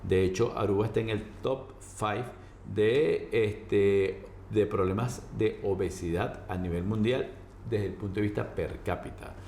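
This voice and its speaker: Casting: male doctor as interview guest, deep voice, halting explanatory delivery, roomy sound. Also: a little mellow. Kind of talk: informal medical explanation in an interview. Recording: roomy echo, faint background noise.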